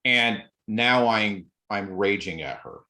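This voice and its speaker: Low-pitched male podcast guest, animated anecdotes with voiced quotes. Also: takes it slowly. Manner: animated retelling, acts out quotes, occasional laughs. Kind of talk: casual storytelling.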